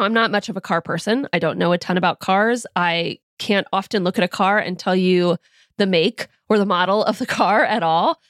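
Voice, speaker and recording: A podcast host and coach delivers a scripted motivational monologue, addressing listeners directly and encouragingly in a slightly tired, groggy morning voice. Her voice is on the low side, recorded at studio quality without echo.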